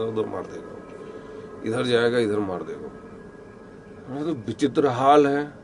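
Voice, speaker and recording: Man, ghost story narration, first person, rustic and halting, often hushed, mid pitch, faint hiss. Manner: rustic storytelling, many pauses, some quoted lines spoken low and hushed.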